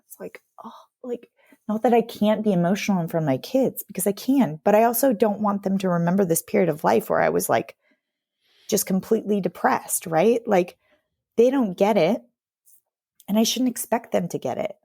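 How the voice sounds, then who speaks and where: Reflective woman, halting speech. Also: mid-range voice, creaky, warm tone, no echo, studio quality. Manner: halting, reflective, many fillers. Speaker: podcast guest. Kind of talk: candid interview conversation.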